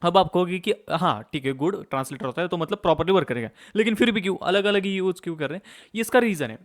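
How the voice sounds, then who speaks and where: A young man teaching a course over a screen share, talking fast in a casual way and checking in often with "okay". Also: high-pitched, animated. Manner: fast-talking, mixes English terms into Hindi, frequent "okay, theek hai" check-ins. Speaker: course instructor.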